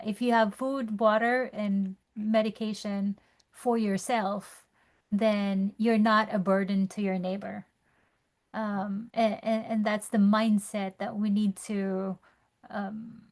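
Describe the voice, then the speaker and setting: A woman from the Philippines, the host's wife speaking off camera, talking in a measured, slightly hesitant way. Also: mid-range voice, flat delivery, a little mellow. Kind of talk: casual call-in talk.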